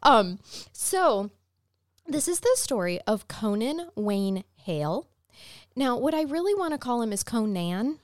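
A woman with a sleepy early-morning voice that still moves through lively swings of pitch. She chats casually as a true crime podcast co-host, wry and self-deprecating, in a dry, close recording. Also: measured pace, no echo.

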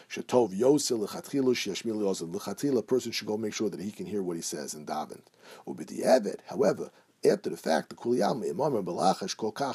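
Fast-talking husky man teaching halacha. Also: medium pitch, mellow. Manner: reads Hebrew and Aramaic quotes, then explains in English. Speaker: Torah teacher. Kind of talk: halacha class, reading and translating texts.

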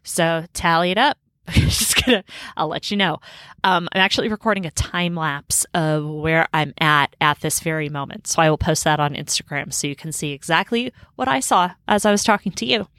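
A woman's voice: low voice, moderate pace, a bit bright, no room sound. A woman in her thirties chatting casually as a podcast host, bubbly, slangy and rambling, recording indoors on a boat. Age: 30s. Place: indoors in a room on a river boat.

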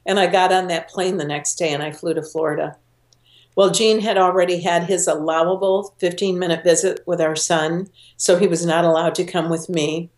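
A woman's voice: fairly low pitch, a little mellow. A middle-aged woman, a guest in an interview, telling a personal story earnestly and voicing the people she quotes. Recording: roomy echo.

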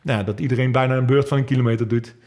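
A man's voice: mid-range voice, fairly even intonation, very fast, darkish tone. A man in his thirties, a professional cyclist, answering interview questions at length in a hesitant way, with lots of ums and restarts. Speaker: professional cyclist, sprint lead-out rider. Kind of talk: interview answers recalling races.

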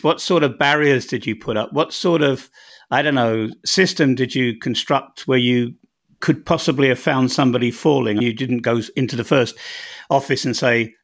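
A man's voice: medium pitch, fairly bright tone. A man with an English accent hosting an interview, asking probing questions with a self-deprecating touch. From England. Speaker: podcast host. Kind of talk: interview conversation.

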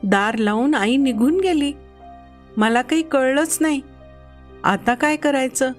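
Brief: a woman reading a children's story as a boy, high voice, unhurried and expressive. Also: faint music behind. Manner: expressive, childlike first-person telling. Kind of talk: first-person children's story narration.

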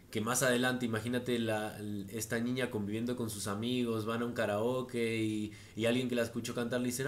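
A man's voice: medium pitch, slight background noise. A man co-hosting a casual book discussion, conversationally retelling the book's examples.

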